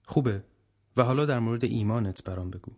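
A man voicing a dying old professor who speaks bluntly, wisely and with gentle teasing, in an audiobook. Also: mid-range voice, close to an everyday voice. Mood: frank.

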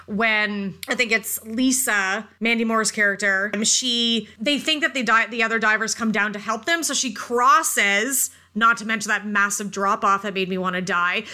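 A woman co-hosting a podcast, telling stories in casual chat with an animated, self-deprecating manner. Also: mid-range voice, normal speed, few pauses. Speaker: podcast co-host.

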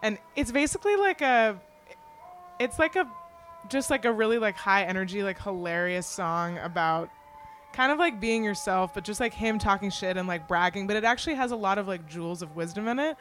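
A woman's voice: mid-range voice, a little fast, fairly bright tone, slight background noise. A young woman in casual conversation, speaking in a candid, rambling, self-deprecating way. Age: young adult. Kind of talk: casual chat.

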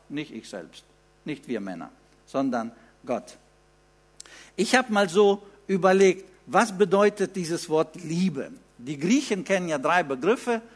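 A man in his fifties preaching a sermon in German, teaching with rhetorical questions and emphatic repeated phrases. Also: on the high side.

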